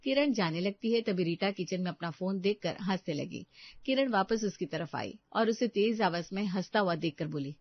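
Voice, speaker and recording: A woman's voice: medium pitch, normal speed, no room sound. Storybook narrator: a woman telling it evenly, close dry mic. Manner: even storytelling. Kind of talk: scripted narration. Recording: dull dry lo-fi recording.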